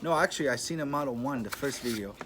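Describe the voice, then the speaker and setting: Greek-accented man in his thirties, channel host, plain-spoken and unhurried, mid-pitched voice, noisy take with clicks. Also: lively intonation. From Greece. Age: 30s. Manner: plain-spoken, unhurried, non-native phrasing. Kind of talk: casual talk to camera.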